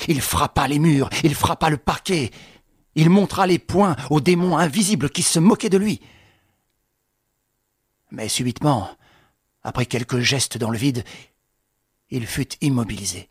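A man's voice: a little high, lively intonation, a little slow, pauses often, slightly rough, no room sound, clean studio sound. A man reading a novel aloud in a dramatic audiobook style, lifting his voice with the action. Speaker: narrator.

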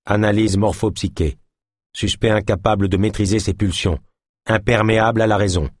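A man's voice: fairly low pitch, fairly even intonation, moderate pace, no room sound, clean studio sound, natural voice. A man voicing a machine implant that reports its analysis in a clipped, clinical way.

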